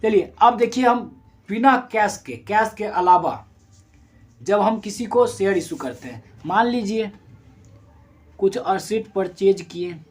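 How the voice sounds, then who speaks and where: Speaking slowly and expressively in a mid-range voice, a commerce teacher delivers a recorded lesson built on step-by-step reasoning and worked number examples. The teacher addresses students directly, raising questions only to answer them, and corrects themselves in the middle of sentences.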